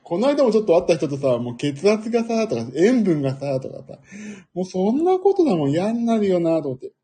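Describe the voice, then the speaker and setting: A middle-aged man with a husky voice hosting a casual, rambling audio stream in a self-deprecating manner. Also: sits high, big pitch swings, brisk, mellow. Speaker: audio livestream host.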